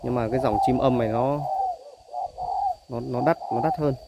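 A man who breeds doves gives a casual, chatty tour of his cages while filming on a phone, filling pauses with short tags. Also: mid-range voice, steady tone, vocal fry. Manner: chatty, repeats "đấy" between points. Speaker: dove breeder selling birds. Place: bird aviary with cages. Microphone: phone held while filming. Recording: loud bird noise on phone audio. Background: doves cooing loudly.

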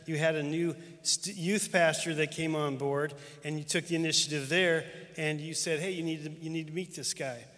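A middle-aged man speaks with earnest reverence as he recounts years of shared ministry. His voice sits a little high. A long reverb trails each phrase through a big church auditorium. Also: fairly even intonation, normal speed, few pauses, fairly bright tone. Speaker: denominational superintendent. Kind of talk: heartfelt tribute speech. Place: large church auditorium with live audience.

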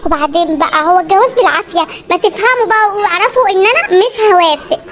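A performer voicing a stubborn young bride in a comedy cartoon, speaking Egyptian Arabic in a sharp, defiant manner. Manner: sharp, defiant, fast squeaky voice. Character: stubborn young woman bride refusing a suitor.

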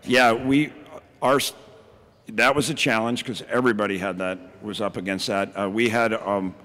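The county's emergency services director, a middle-aged man, delivers a straightforward keynote from the podium of a large hall where the sound reverberates, then answers the audience. His lowish voice is steady and a bit bright at a moderate pace, broken by many ums and restarts.

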